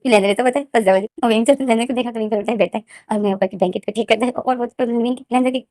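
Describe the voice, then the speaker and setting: A woman retells a story in a chatty, giggly manner, slipping English words in. Her voice sits a bit high and races along. The sound is dry and close. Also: fairly even intonation, very fast, warm tone, dry recording. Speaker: fan fiction explainer.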